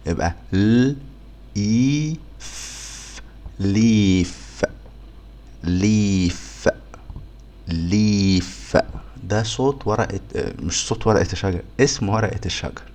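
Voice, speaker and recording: Very deep-voiced Egyptian man teaching phonics. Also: lively intonation, darkish tone. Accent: Egyptian Arabic. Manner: sounds out letters slowly and repeats words. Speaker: English teacher. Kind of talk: phonics lesson for beginners.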